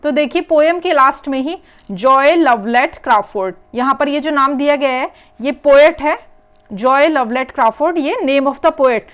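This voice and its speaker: A woman's voice: high-pitched, a little slow. A woman teacher, working through an exam paper step by step and repeating the key words. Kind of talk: exam paper walkthrough lesson.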